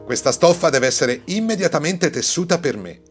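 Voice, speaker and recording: A vain, anxious storybook emperor, put on by a male narrator speaks in a lifted, fretful voice. His exclamations rise well above the narrator's usual low tone, and faint music sits underneath. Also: animated, normal speed, natural voice. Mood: eager.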